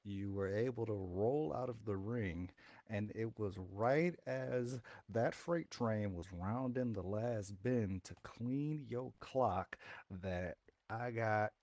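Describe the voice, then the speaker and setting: A man playing a swaggering pro wrestler, delivering a deliberate, emphatic in-ring promo with drawn-out words. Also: lowish voice, darkish tone, no room sound. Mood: confrontational. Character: swaggering male pro wrestler calling out the champion.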